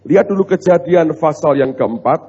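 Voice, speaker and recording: A male pastor, preaching in an animated, humorous storytelling way and talking straight to his congregation. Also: fairly high pitch, moderate pace, breathy edge. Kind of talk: storytelling sermon. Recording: muffled recording in a reverberant hall.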